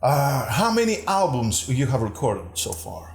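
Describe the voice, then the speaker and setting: A man's voice: mid-range voice, sing-song, normal speed. Casual man hosting, echoey room. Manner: informal, exclaiming, laughs along. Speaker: interview host. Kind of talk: casual interview questions.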